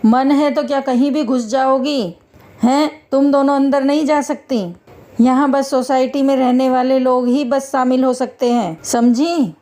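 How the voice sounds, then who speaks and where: A woman's voice: high-pitched, steady tone, unhurried, dark tone. A woman voicing a middle-aged male security guard in a spoken story, bantering and fatherly in manner. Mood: scolding. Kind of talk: storytelling voice acting.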